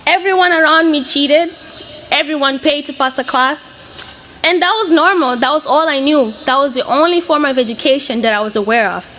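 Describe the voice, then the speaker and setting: A woman in her twenties speaks in a high, fairly quick voice that sounds pushed and bright. Portuguese is her first language and she has a Mozambican accent. As a student speaker, she delivers an earnest, prepared personal speech.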